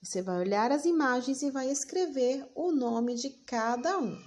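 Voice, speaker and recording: A woman teacher, giving a recorded lesson for children and dictating words slowly, repeating each one. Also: high voice, animated, a little mellow.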